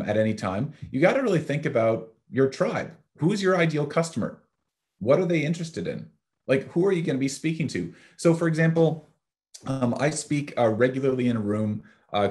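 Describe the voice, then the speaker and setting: A man's voice: medium pitch, a little mellow. A man hosting a webinar, explaining marketing tips in a casual, filler-heavy way over a video call. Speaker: host, marketing agency CEO. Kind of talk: webinar presentation.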